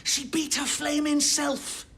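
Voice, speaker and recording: An actor playing a controlling, bitter older Northern English husband on trial in a TV soap, his calm turning to angry scorn. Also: very high voice, slow, creaky, exaggerated voice. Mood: angry contempt. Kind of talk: TV soap courtroom acting.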